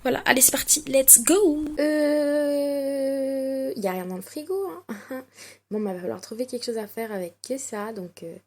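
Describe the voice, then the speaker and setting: A young woman from France talks through her day in a casual home vlog, her voice a little high and husky. She is chatty and self-mocking, full of fillers. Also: animated, fairly quick, fairly bright tone. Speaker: vlogger. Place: home, indoors.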